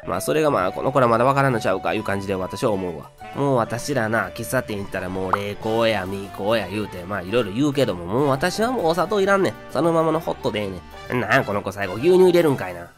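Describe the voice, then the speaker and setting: A man's voice: fairly low pitch, expressive, quick pace, few pauses, natural voice. A man voicing a chatty, nosy middle-aged auntie from Osaka, rambling bluntly in a thick Kansai accent as a comic voice-over. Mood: nosy, teasing. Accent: Osaka Kansai dialect. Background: faint music.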